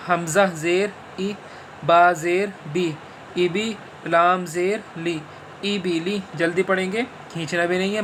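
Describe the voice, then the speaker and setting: A man teaching letter sounds at a very slow, deliberate pace, spelling out each syllable one at a time. He patiently quizzes the listener and repeats himself, his voice sitting a little high for a man. A faint hum of room noise runs under the recording. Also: fairly bright tone. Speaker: Quran reading teacher.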